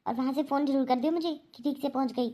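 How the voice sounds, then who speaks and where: A woman's voice: high voice, quick pace, mellow, lightly acted. Woman voicing an older mother-in-law in a cartoon. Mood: tender. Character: older mother-in-law, stern but softening. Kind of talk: Hindi cartoon dubbing.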